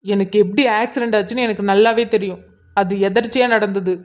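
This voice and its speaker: A woman voicing a hot-tempered young husband in a cartoon drama, scolding and sharp. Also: mid-range voice, steady tone, a little fast, lightly acted. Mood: firm. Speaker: cartoon character voice.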